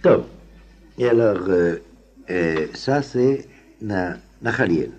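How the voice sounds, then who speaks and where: A man teaching a class on the Talmud in an informal, halting lecture full of fillers and restarts. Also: lowish voice, expressive, darkish tone, highs cut off, a little hiss or hum. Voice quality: very husky voice. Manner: halting, many fillers and restarts, chuckles often.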